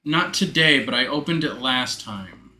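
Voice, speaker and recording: A man's voice: medium pitch, animated, measured pace, pushed and bright. A man giving a commentary on his game playthrough and reading its dialogue aloud, in a roomy-sounding recording. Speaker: let's player. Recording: roomy echo, faint music behind.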